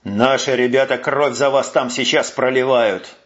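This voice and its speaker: Man voicing an enraged shouting young sergeant. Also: mid-range voice, steady tone, a little slow, natural voice. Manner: shouting, swearing. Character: furious young male sergeant, war veteran. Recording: muffled lo-fi audio.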